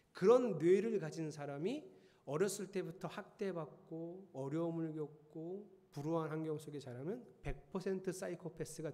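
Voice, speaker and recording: A man's voice: a little high, a little mellow. A middle-aged male pastor giving a chatty sermon. He often asks the congregation questions. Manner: conversational, teasing the congregation with questions. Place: church sanctuary. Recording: reverberant church hall.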